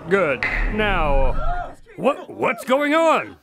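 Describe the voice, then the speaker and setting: A man playing an earnest, exasperated doctor and detective's sidekick in an audio drama, animated, incredulous and sarcastic. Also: sits high, extremely slow, a crowd in the background, heavily acted. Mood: sceptical, exasperated.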